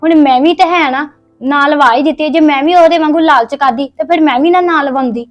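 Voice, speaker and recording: A woman's voice: sits high, a little fast, highs cut off, soft background music. A woman with a Punjabi accent playing a family member in a family drama, chatty and outspoken.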